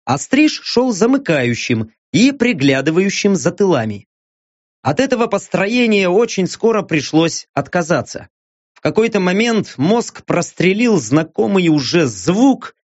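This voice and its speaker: A male audiobook narrator reads in an expressive, measured way. His pitch rises and falls freely through the story. The recording sounds dull and lo-fi, with a dry, close sound. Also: no room sound. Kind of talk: scripted narration.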